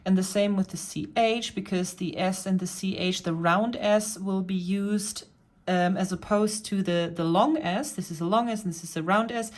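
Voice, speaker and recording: A woman's voice: mid-range voice, normal speed, a little mellow. A woman vlogger patiently explaining and pointing things out in a casual show-and-tell about her cross-stitch hobby.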